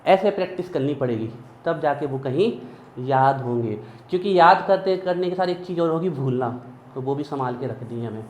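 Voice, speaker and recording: A man's voice: medium pitch, animated, moderate pace, a little mellow. A man teaching chemistry in a classroom lecture, chanting mnemonic lists in a sing-song rhythm. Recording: echoey room, dull lo-fi sound, faint hiss.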